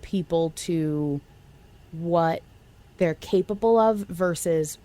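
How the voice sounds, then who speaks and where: Her voice is fairly low, slow and warm. She co-hosts a fan podcast, where she casually talks through an audio drama using slangy language.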